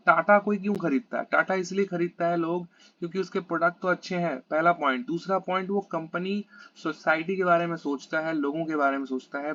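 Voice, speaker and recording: A male commerce tutor with an Indian accent gives an exam-prep lecture. He reads English lines slowly, then explains them quickly in conversational Hindi, checking in often with "है ना?". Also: on the high side, fairly bright tone, muffled recording.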